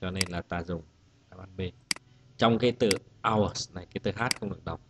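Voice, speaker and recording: A man's voice: sits low, fairly quick, noisy background. A male teacher walking students through an exam-prep lesson, patient and methodical, saying each example word twice before explaining it. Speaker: English teacher.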